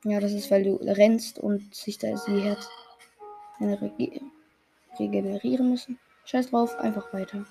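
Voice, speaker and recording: A woman's voice: mid-range voice, level tone, unhurried, creaky, warm tone, faint music behind. Young woman coaching a nervous gamer. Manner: reassuring, slangy, talks someone through a game. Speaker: player coaching another gamer. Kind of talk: casual gameplay chat.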